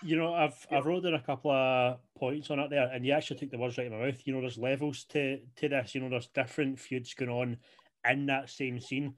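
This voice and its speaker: A young man co-hosts a wrestling podcast, chatting casually and rambling, with plenty of "you know" fillers. His voice is medium-pitched, steady in tone, and brisk.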